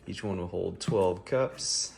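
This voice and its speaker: A hobbyist maker and vendor casually walks through a DIY build step by step. His voice is low-pitched and his pace slow, and background noise is clearly audible in the recording.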